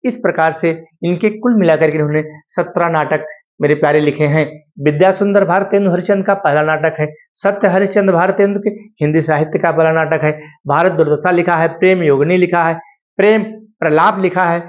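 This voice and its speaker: A man teaching Hindi literature to his students. He calls them dear, repeats his points, and chants the verses slowly and with stretched words. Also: fairly high pitch. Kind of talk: classroom lecture explaining poetry. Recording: dull lo-fi sound.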